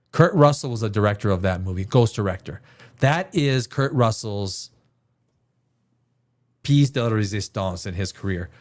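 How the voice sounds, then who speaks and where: A man from Canada hosts a livestream, musing casually on movies with strong opinions and emphatic repetition. His voice is medium in pitch with a darkish tone.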